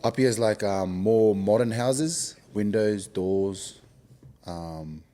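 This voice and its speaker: A man in his twenties, born in Samoa and raised in Australia, talking casually and haltingly as a podcast guest, with lots of ums and likes. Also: fairly low pitch. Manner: soft-spoken, halting, many ums and likes. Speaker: podcast guest, rugby league player. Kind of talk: casual interview chat.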